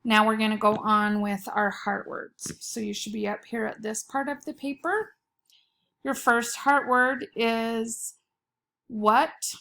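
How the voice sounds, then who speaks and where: A woman's voice: a little high, level tone, slow pace, pushed and bright. A woman, a schoolteacher dictating a spelling test, setting words apart carefully and repeating them. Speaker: elementary school teacher.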